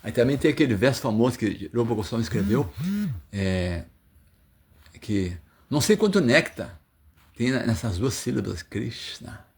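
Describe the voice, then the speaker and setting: A male religious teacher with a Brazilian Portuguese accent comments on scripture in a loose, storytelling way. His voice is gravelly and sits at an ordinary middle pitch. He stumbles and restarts often as he acts out the figures in his stories. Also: lively intonation, normal speed, pauses often, darkish tone. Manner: storytelling with acted quotes, many fillers and restarts.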